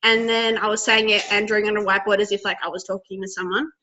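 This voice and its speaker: A woman's voice: mid-range voice, little pitch movement, quick pace, sharp tone, slight background noise. Chatty woman on dull video call audio. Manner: chatty, run-on storytelling. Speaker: team member sharing on a call. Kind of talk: casual chat.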